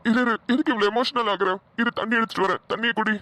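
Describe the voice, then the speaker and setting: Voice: medium pitch, steady tone, fast talker, pushed and bright, natural voice. A voice actor playing a stammering old husband. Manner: stammering, coaxing. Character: elderly husband and father, gentle, fumbling, jokey. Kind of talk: cartoon dialogue.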